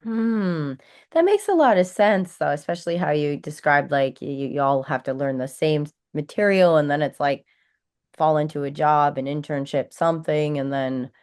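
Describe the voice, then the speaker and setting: A woman's voice: low voice, normal speed, darkish tone. A woman hosting a business interview podcast, upbeat and encouraging toward her guest. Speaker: podcast host.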